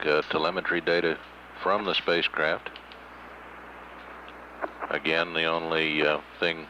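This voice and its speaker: A man giving formal, matter-of-fact live status commentary as a mission control announcer. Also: rumbling low. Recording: dull lo-fi archival broadcast, faint noise.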